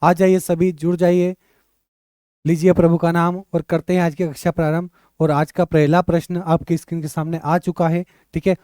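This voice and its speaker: Man, teacher, high voice, crisp and clean, dry close mic, drills letters aloud, energetic. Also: normal speed, no room sound. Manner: energetic, drills sounds aloud, repeats questions to the class. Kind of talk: online exam-prep class.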